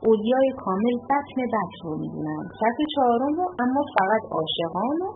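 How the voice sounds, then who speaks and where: Woman reading a calm wise dervish. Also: a little high, noisy background. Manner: calm, measured. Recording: narrow phone-like sound with music.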